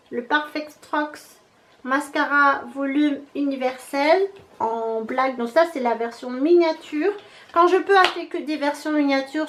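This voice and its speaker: A woman's voice: sits high, a bit bright, slight background noise. A woman in her thirties chatting casually to camera as a beauty vlogger, showing products one by one. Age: 30s. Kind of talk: casual haul chat.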